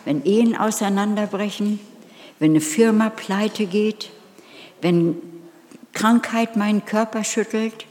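A woman's voice: medium pitch, darkish tone, in a large hall. A woman giving an earnest, emphatic sermon and putting direct questions to her listeners. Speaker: preacher.

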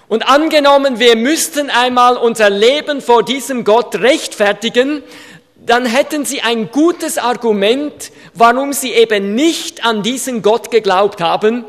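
Man preaching in a big hall, really high voice, emphatic, builds up to shouting. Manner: emphatic, rising to shouts in quoted rants. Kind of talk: evangelistic sermon. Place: hall with audience. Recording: reverberant hall.

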